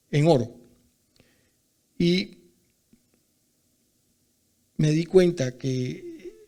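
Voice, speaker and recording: A man preaching a sermon in church, telling personal stories and building to loud, emphatic declarations. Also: a little high.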